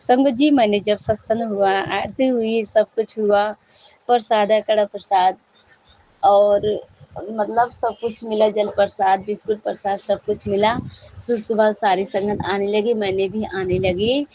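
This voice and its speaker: A woman's voice: medium pitch, fairly even intonation, a little slow, dark tone, poor audio. A woman giving a devotional testimony to a congregation, talking in a chatty, repetitive and fervent way. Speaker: devotee sharing a satsang experience.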